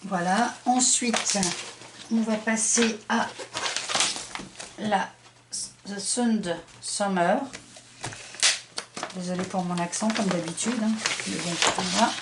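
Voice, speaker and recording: A woman's voice: mid-range voice, fairly even intonation, measured pace, very noisy. A middle-aged woman chatting through a scrapbooking haul, hesitant, with many fillers. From France. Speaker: scrapbooking vlogger. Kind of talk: casual haul show-and-tell.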